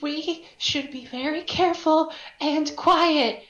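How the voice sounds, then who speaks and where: A woman acts a cautious adventurer in a tabletop game, anxiously warning a travelling companion over the wind. The voice is fairly high and urgent, in a roomy space with music behind. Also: takes it slowly, a bit bright, muffled recording. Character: cautious, anxious adventurer urging everyone to stay quiet. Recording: roomy echo, faint music.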